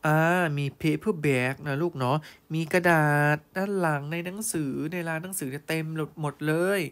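A male teacher giving an online English grammar lesson. He reads test sentences slowly, then explains them fondly, calling students "child" and checking they follow. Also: a little high, a bit bright. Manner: fond, calls students "child" and checks understanding.

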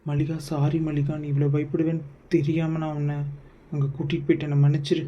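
A man's voice: on the high side, monotone, quick pace, dark tone, dull audio, lightly acted. A man voicing a worried young son in a cartoon, hesitant and apologetic. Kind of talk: cartoon voice acting.

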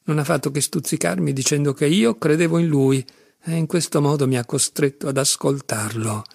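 A man's voice: a little high, moderate pace, gravelly, darkish tone, no room sound, clean studio sound. A man reading an audiobook, voicing a tormented young man who speaks insistently and with agitation. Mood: agitated.

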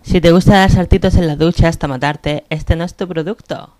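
Cheeky infomercial saleswoman played by a man, Spain accent, smooth clear voice, parody pitch. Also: fairly even intonation, fairly quick, a little mellow, natural voice. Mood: salesy, mocking. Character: cheeky female infomercial presenter pitching absurd products.

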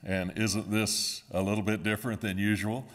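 A man in his fifties, a pastor at a pulpit in a church sanctuary, opening a sermon and reading scripture in a calm, measured way. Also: on the low side. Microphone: standing at a pulpit, far camera.

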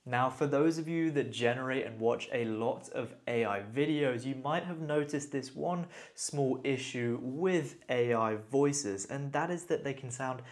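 Guy doing a chill step by step tutorial, mid pitch, keen and upbeat. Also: measured pace, few pauses. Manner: enthusiastic, talks the viewer through steps. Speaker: tutorial host. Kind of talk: casual screen-recorded tutorial.

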